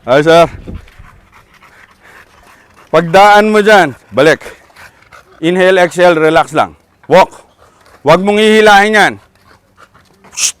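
A man with a Filipino accent, a dog trainer coaching an owner outdoors with calm, repeated short commands. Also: fairly high pitch, smooth, no room sound.

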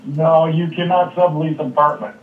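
An older maintenance man speaking bluntly and gruffly in a phone conversation. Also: fairly high pitch, little pitch movement, normal speed, recorded from a distance. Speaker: maintenance worker. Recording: tinny phone line, roomy noisy playback.

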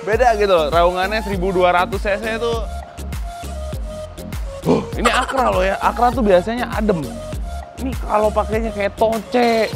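A young man hosting a casual motorcycle walkaround, excitable and slangy, talking outdoors in a garage courtyard on a lapel mic. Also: sits high. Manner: excitable, slangy, thinking aloud. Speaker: motorcycle vlog host.

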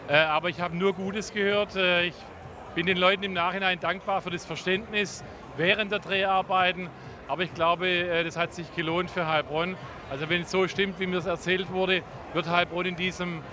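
An older man, a mayor, answering interview questions on a handheld microphone at a festival. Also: sits high. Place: busy festival beer tent. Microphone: handheld reporter microphone held to him. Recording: noisy busy tent behind the voice.

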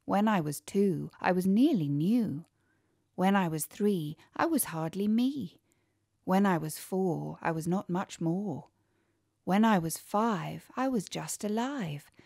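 A woman with an English accent, reading children's poems aloud in a soft, cosy way, sometimes almost whispering. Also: on the low side, gravelly, no echo, studio quality. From England. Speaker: reader. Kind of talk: storybook poetry reading.

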